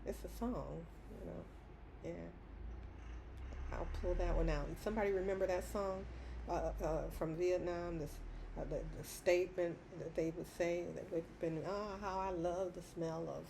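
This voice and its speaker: A woman's voice: on the low side, steady tone, moderate pace, vocal fry, warm tone, a little hiss or hum. A middle-aged woman talking in an unscripted personal monologue, rambling, repeating her points and laughing often between phrases. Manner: emphatic repetition. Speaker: vlogger.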